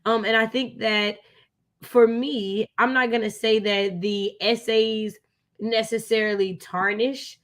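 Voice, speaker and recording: Speaking slowly with a fairly high, mostly level voice, this American woman co-hosts a live book readalong. Her chat is relaxed but forceful in its opinions, and she tends to repeat phrases to drive her points in.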